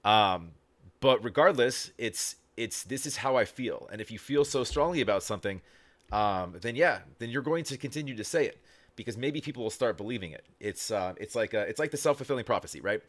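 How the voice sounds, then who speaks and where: A man's voice: medium pitch, lively intonation, fairly quick, fairly bright tone. A man hosting a casual reaction video, rambling with lots of fillers and restarts and casual swearing.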